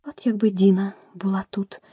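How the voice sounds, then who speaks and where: Woman doing a polite curious little girl for an audiobook, husky half-whisper, dry close sound. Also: medium pitch, level tone, normal speed, no room sound. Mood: eager. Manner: soft breathy half-whisper, earnest. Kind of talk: audiobook reading.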